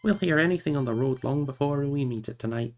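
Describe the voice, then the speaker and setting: A man reading aloud and voicing a gruff but kindly older male hobbit farmer with rustic speech. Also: medium pitch, quick pace, darkish tone, faint music behind, lightly acted.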